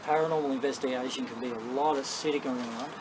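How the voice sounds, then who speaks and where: A man's voice: mid-range voice, fairly even intonation, fast. An Australian man giving a casual, rambling, matter-of-fact talk to a group as a paranormal investigator, telling anecdotes. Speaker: paranormal investigator leading a session. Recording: clearly noisy live ambient recording.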